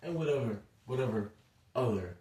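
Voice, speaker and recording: A man's voice: mid-range voice, lively intonation, moderate pace, mellow. A man giving a casual spoken lecture, talking loosely with many asides and fillers. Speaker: speaker giving a short lecture. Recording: roomy echo, distant from the mic.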